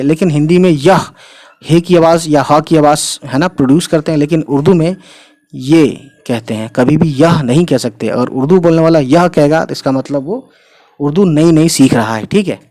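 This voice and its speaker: A man's voice: a little high, warm tone. Man teaching spelling patiently. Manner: explains patiently, often adds "thik hai" and "you know". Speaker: Urdu teacher. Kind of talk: spoken language lesson for Hindi speakers.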